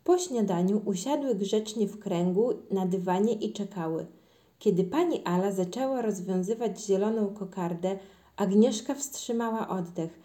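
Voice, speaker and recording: A woman's voice: mid-range voice, moderate pace, dark tone. A woman reading a children's story aloud, lifting her voice for the children's lines.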